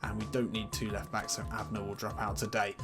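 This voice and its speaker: A man's voice: fairly low pitch, monotone, brisk, creaky. A man who makes gaming videos, giving casual commentary on a football video game, chatty and thinking aloud about his team choices. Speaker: gaming YouTuber. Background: background music.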